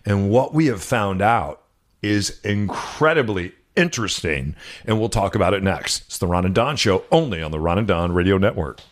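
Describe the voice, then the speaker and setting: Guy with a lowish voice on talk radio, chatty and explaining stuff, midwest roots. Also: lively intonation, normal speed. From American Midwest. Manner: conversational, explanatory. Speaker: radio show co-host. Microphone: studio microphone.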